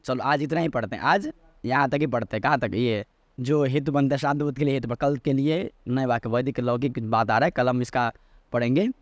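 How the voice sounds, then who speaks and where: A man's voice: medium pitch, a little fast, dry recording, lo-fi sound. A man explaining a classical logic text as a teacher, repeating key terms and asking and answering his own questions. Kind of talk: explanatory lecture.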